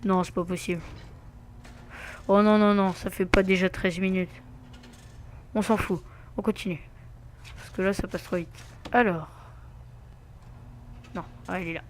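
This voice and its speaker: A man's voice: high-pitched, fairly even intonation, measured pace, long pauses, a little hiss or hum. A man giving casual gameplay commentary, muttering to himself with asides and mild swearing. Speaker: let's play gamer.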